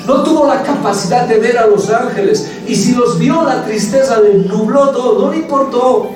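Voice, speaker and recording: Speaking at a moderate pace in a very high voice, a man preaches emphatically to his congregation, whom he calls brothers. It's a church hall recording with echo, a distant mic and faint music.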